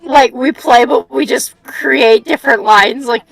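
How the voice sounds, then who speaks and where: High-voiced woman chatting casually, dry close sound. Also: unhurried, gravelly, a bit bright, husky, no echo, soft background music, rough recording. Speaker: streamer playing and voicing a game with friends. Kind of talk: casual chat.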